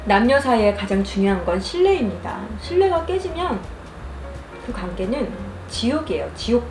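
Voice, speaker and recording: A young adult woman telling a story casually over food and drink, chewing while talking and speaking in an animated storyteller's manner. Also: fairly high pitch, normal speed. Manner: animated storytelling, acts out quoted lines. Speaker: mukbang vlogger. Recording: roomy echo, music behind.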